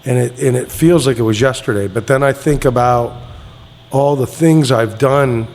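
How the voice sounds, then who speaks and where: A man's voice: medium pitch, moderate pace, darkish tone. Easygoing man telling stories in a reverberant room. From Erie, Pennsylvania. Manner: rambling, restarts often, easygoing storytelling. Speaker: podcast guest. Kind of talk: casual interview chat. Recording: long reverb, faint ambient noise.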